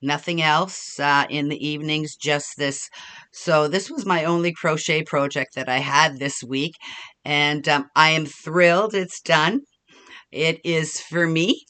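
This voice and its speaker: A woman's voice: low voice, fairly even intonation, a little slow, sharp tone. An older woman chatting casually in a craft vlog, upbeat and full of hesitations. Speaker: crochet vlogger.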